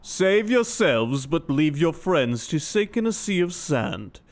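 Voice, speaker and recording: A man's voice: a little high, very animated, slow pace, pitched above the performer's own voice, heavily acted. A man voicing a contemptuous mech soldier villain from a video game in a theatrical, taunting snake voice. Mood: scornful. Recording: loud game music behind.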